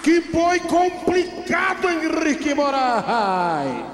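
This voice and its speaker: A man calling a live rodeo over a PA system in an outdoor arena, with rapid shouted calls that hype the crowd. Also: very high-pitched, big pitch swings. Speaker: rodeo announcer. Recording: echoey arena PA with long reverb. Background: band music.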